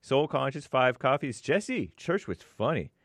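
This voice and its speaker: A man's voice: mid-range voice, very animated, a little slow, dry recording. A man co-hosting a show, reading viewer messages aloud in a plain, matter-of-fact way with small asides.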